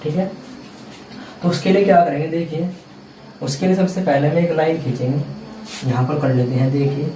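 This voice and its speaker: A man's voice: fairly high pitch, fairly even intonation, normal speed, long pauses, dark tone, a little hiss or hum. A male maths teacher giving a blackboard lesson, patiently explaining to students and often checking in with a filler word. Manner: repeats "theek hai" as a check-in filler. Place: classroom at a blackboard. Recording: echoey room, voice from a distance, faint ambience.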